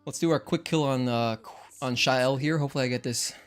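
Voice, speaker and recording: Over soft background music, a young man with a brisk, clean, mid-range voice gives casual gameplay commentary as a streamer. Spanish is his first language. He chats with viewers, thinks aloud, and keeps count of combo hits.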